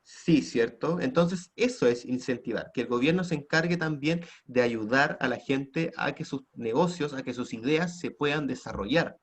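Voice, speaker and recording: A man's voice: medium pitch, normal speed, hardly any pauses, slightly rough. A man teaching an online class with a Chilean Spanish accent, prompting students with frequent tag questions. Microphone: computer mic on a video call.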